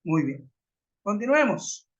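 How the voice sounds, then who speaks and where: Man, English teacher, online lesson, slow and patient, dull muffled web-call audio. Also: sits high, big pitch swings. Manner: patient, repeats example sentences slowly.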